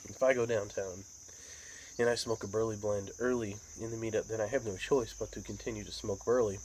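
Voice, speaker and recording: An American man talking in a casual, rambling monologue, unhurried and musing, like a hobby vlogger. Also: lowish voice, fairly even intonation, a little mellow, low-quality recording. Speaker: pipe tobacco vlogger. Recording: outdoor insect and cricket noise.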